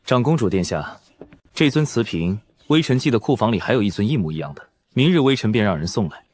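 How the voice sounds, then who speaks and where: An actor playing a stern, powerful male imperial tutor who protects his niece, speaking in a measured way in an animated drama dub. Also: lowish voice.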